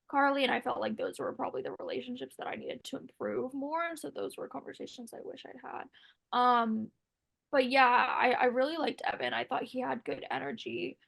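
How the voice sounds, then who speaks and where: A woman's voice: sits high, vocal fry, a bit bright. A young woman, a former contestant, chatting casually in an interview and rambling with many fillers. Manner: rambling, full of "like" and "um".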